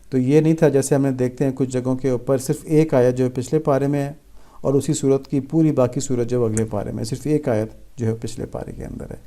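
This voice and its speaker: A man's voice: medium pitch, mellow. A man giving a patient religious lesson, explaining step by step and repeating key phrases for emphasis. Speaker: religious teacher. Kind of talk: religious instruction talk.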